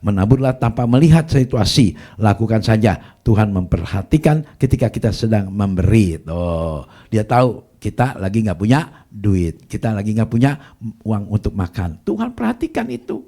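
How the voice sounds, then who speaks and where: Male pastor, folksy exhorting sermon, warm and husky. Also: fairly low pitch, sing-song, normal speed. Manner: folksy storytelling, exhorting the congregation. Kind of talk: sermon with personal testimony.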